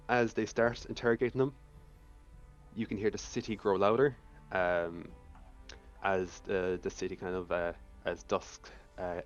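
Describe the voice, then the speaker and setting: Low-voiced man running a tabletop game. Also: clear, resonant tone, highs cut off. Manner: halting, many ums and uhs. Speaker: game master.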